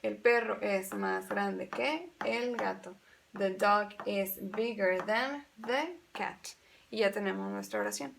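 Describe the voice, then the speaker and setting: Gravelly-voiced woman teaching grammar. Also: mid-range voice, unhurried, a little hiss or hum. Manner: patient, explains step by step, repeats examples; switches between Spanish and English. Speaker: English teacher. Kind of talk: bilingual grammar lesson.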